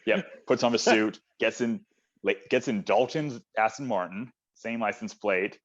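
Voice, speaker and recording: A man's voice: lowish voice, unhurried. A man co-hosting a casual film chat, talking enthusiastically and rambling with lots of fillers. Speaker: podcast co-host. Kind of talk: casual chat about films. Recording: dull lo-fi audio.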